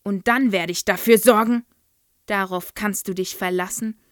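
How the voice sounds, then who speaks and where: A woman's voice: medium pitch, steady tone, normal speed, no echo, studio quality, natural voice. A woman voicing a huge, brutal, child-hating headmistress who bellows insults at a pupil. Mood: furious bellowing.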